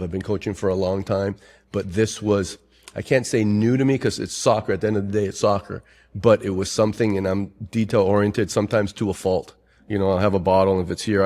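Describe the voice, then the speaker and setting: A middle-aged soccer coach speaks in a low, steady tone on a podcast. He rambles through tactical details and restarts his sentences often. His pitch barely moves. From Chile. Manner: rambling, detail-focused explanations with many restarts. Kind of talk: casual podcast chat.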